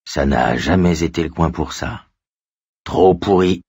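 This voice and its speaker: Guy reading a gruff old cop, low husky voice, kind underneath. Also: a little slow, a little mellow, dry recording, studio quality. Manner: gruff, fatherly.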